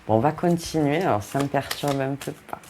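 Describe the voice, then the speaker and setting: A man's voice: medium pitch, a little fast, a little mellow, a little hiss or hum. A man with a French accent giving a casual, upbeat tarot card reading, talking straight to his viewers and often interrupting himself. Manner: chatty, upbeat, breaks into laughs and self-interruptions.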